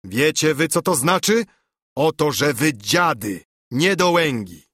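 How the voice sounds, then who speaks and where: A man voicing a loud, boisterous nobleman who shouts that he only wants to fight. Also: on the high side, big pitch swings, slow, breathy edge, no echo, clean studio sound, heavily acted. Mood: rowdy shouting.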